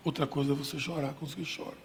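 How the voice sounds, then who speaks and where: Man, pastor, emphatic sermon, rhetorical questions, fairly high voice, long hall reverb. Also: level tone, racing, creaky.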